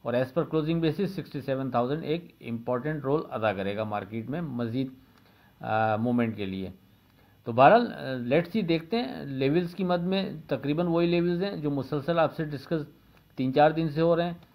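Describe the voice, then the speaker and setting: A man from Pakistan with a Pakistani Urdu accent giving a daily stock market forecast, steady and methodical, often pausing with fillers. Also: a little high, dull audio. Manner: steady, methodical, repeats figures and levels, frequent "uh" fillers.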